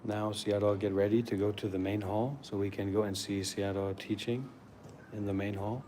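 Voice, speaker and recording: A mellow, lowish voice with little pitch movement carries this Maryland man's live stream from a meditation center. Talking by phone at a moderate pace, he rambles casually and earnestly from thought to thought, and the stream is clearly noisy.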